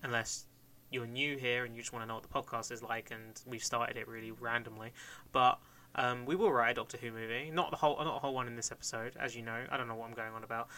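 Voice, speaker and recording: A man's voice: medium pitch, steady tone, fast, few pauses, bright, forceful tone. A man co-hosting a podcast in a casual, rambling chat, swearing and laughing often. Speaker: podcast co-host.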